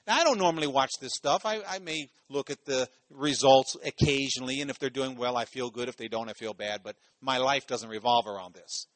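A man's voice: medium pitch, a little fast, hardly any pauses, a bit bright, no room sound. A man from Ohio preaching a sermon in a loose, conversational way, full of "you know" asides and phrases repeated for emphasis. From Ohio, USA.

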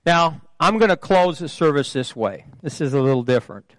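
A man pastor preaching a sermon with call-and-response, emphatic, swelling louder and higher on key phrases. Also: animated, brisk, dry recording.

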